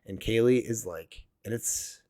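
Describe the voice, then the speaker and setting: A man's voice: on the low side, unhurried, dark tone, no room sound. A young man hosting a podcast, telling a personal story in a rambling, profane way and filling his talk with "like.". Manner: rambling, profane, heavy use of "like". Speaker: podcast host. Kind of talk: casual storytelling.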